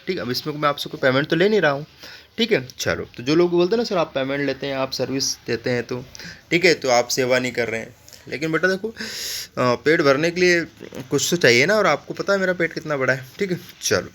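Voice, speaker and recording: A male teacher walks students through memory tricks for a general knowledge lesson. His voice is bright and forceful, and he often breaks off into joking asides. He keeps checking in with the class as he goes. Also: fairly high pitch, expressive, a little fast. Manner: repeats "ठीक है" as a check-in.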